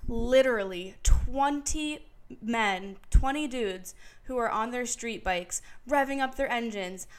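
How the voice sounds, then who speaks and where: A woman in her late twenties hosting a podcast, telling a story in casual chat, candid and profane, growing louder and more heated as she recounts it. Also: a little high, takes it slowly. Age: late 20s. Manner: candid and profane, retelling with emphatic repetition. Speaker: podcast host. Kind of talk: casual solo storytelling monologue.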